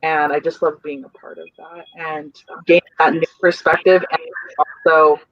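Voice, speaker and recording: During a casual panel chat on a video call, a young adult stage manager from a theater crew rambles earnestly at normal speed with a flat delivery, searching for words and restarting as ideas come. The mid-pitched voice sounds dry and close on a dull, lo-fi line with no echo.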